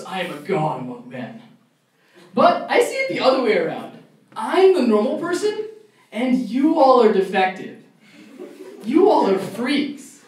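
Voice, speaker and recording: A young man doing a stand-up comedy set at a college club show, ranting in mock outrage. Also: extremely high pitch. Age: young adult. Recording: echoey room, mic far off, faint noise.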